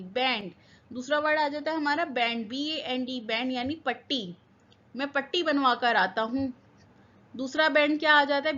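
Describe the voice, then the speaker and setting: A woman's voice: high-pitched, fairly bright tone, highs cut off. A woman teaching English vocabulary. She spells each word letter by letter, repeats its meanings, and asks questions that she answers herself. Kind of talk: vocabulary lesson.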